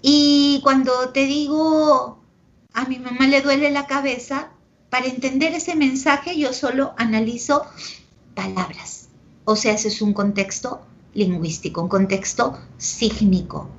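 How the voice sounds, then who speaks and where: Woman teacher, Peruvian Spanish accent, fairly high voice, dull lo-fi sound, keeps asking "¿ok?". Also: measured pace. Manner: explains with examples, constantly checks in with "¿ok?" and "¿de acuerdo?"; affectionate with students. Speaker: pre-university language teacher. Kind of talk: online class lecture. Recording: dull lo-fi audio.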